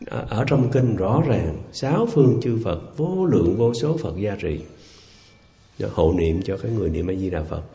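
A man's voice: lowish voice, dark tone. A man giving an earnest, emphatic Buddhist dharma talk, often repeating words as he explains. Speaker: Buddhist teacher. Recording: roomy, dull lo-fi sound with faint music.

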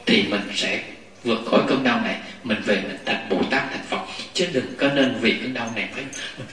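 A man giving a Buddhist dharma talk to a gathering, animated, often laughing and acting out what people say. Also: fairly low pitch, a little fast. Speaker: Buddhist lay teacher. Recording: echoey hall, mic far off.

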